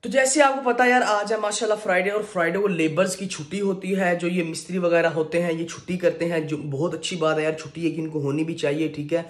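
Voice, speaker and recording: This is a casual vlog chat from a shopping mall, with a young man talking to a phone camera at arm's length. He sits high in pitch and keeps a steady tone, speaking quickly with few pauses, in a joking, slightly boastful way.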